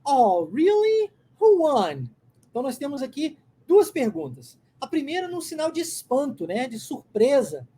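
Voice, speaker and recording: A Brazilian woman teaching English in Portuguese, explaining patiently and modeling phrases slowly with a rising lilt. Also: high voice, big pitch swings, dark tone. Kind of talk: language lesson.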